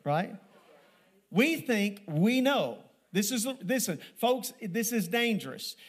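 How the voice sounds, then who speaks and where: A man preaching a sermon to a church congregation. He builds emphasis with repeated phrases and slows down to stress scripture. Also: high-pitched, big pitch swings, husky. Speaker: pastor. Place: church sanctuary.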